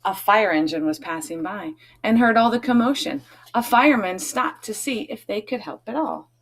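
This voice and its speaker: A teacher or read-aloud host with a mid-range voice reads a picture book to children at a moderate pace. She gives key words expressive stress and weaves in chatty, questioning remarks.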